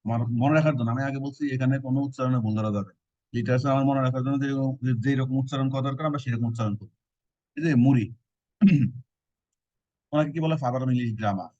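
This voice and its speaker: A male teacher talks students through an exam-prep lecture, leaning on jokey memory tricks. His voice is mellow and dark. It is captured on a dull, lo-fi recording with a dry sound. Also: mid-range voice, quick pace, long pauses, no room sound. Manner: colloquial, explains with joking memory tricks.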